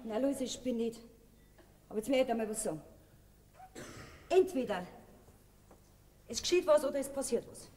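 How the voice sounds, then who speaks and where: A woman's voice: on the high side, lively intonation, normal speed, pauses often, lightly acted. An actress with a Bavarian accent playing a fed-up middle-aged farm wife and mother who scolds her family in a folk theater comedy. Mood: defiant. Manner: scolding, indignant, loud. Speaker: stage actor. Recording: stage recording from far off, hall reverb.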